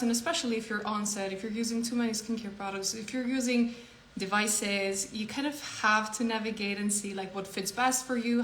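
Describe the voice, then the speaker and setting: A woman's voice: medium pitch, fairly bright tone, echoey room, slight background noise, poor audio. A woman hosting a casual live-stream chat, chatty and full of fillers. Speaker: host. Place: indoors, phone live stream.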